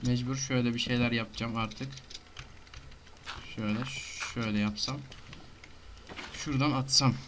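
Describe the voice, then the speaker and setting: A man giving casual commentary on his own gameplay, talking to himself and breaking into frantic shouting and rapid repeated words. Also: mid-range voice, fairly even intonation, background noise. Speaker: gamer.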